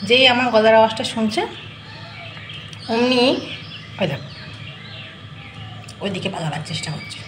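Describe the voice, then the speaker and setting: A woman's voice: a little high, animated, normal speed, pauses often, background noise. A woman vlogger, chatting casually to the camera about her morning at home. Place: rooftop and home, outdoors and kitchen.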